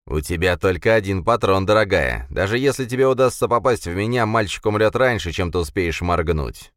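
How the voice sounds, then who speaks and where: A man voicing a cold male villain who speaks calmly, with command and scorn. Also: low voice, brisk, no echo, studio quality. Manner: calm, cold and mocking.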